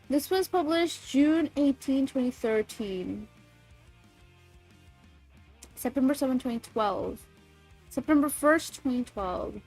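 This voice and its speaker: A woman with a high voice and a cold sniffles as she chats on a livestream and reads creepypasta aloud. Her manner is bubbly and loose, with the occasional swear word. Soft music plays faintly in the background.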